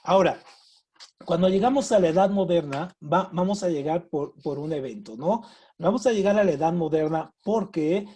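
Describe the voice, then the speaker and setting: Husky man teaching a workshop. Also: on the high side, normal speed. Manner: animated, frequent tag questions. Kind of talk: informal lecture with storytelling.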